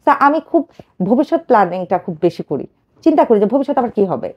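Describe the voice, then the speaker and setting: A woman in her thirties pours out her life story in a rapid, emotional rush, stumbling over fillers as she goes. Her voice sits a little high, and the recording sounds slightly muffled. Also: sing-song, husky. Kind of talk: personal life story told to a radio host.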